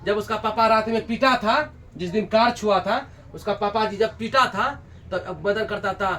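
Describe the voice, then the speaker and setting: High-voiced teacher. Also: male voice, normal speed, far from the mic, a little hiss or hum. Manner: lively, with constant check-in questions. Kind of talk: retelling a story for students.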